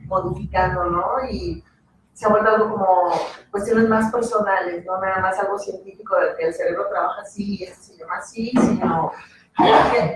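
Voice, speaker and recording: Mexican woman speaker in echoey room. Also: medium pitch. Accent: Mexican Spanish. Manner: chatty, frequent tag questions and fillers. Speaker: psychologist guest speaker. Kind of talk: casual talk lecture. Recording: echoey room, distant mic, noisy.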